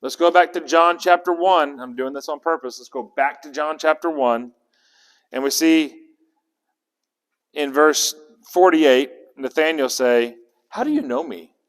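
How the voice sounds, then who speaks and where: A man with a fairly high voice teaches scripture at a measured pace in a reverberant hall with a long echo. His Bible study is interactive and conversational, with questions for the group and occasional restarted words.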